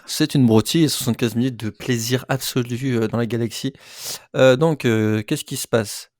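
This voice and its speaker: A man's voice: mid-range voice, normal speed, a little mellow, no echo. Podcast co-host guy, jokey, stumbles with euhs, dry mic. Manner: hesitant, joking, many fillers. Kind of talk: casual podcast chat.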